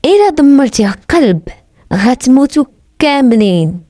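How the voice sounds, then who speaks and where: A woman's voice: high voice, sing-song, normal speed, dark tone, dry recording, clean studio sound. A woman with a Moroccan accent voicing a cruel, menacing cursed queen. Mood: threatening. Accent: Moroccan Arabic. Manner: menacing, shrieking in rage. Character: cruel cursed queen, half gold, half skeleton.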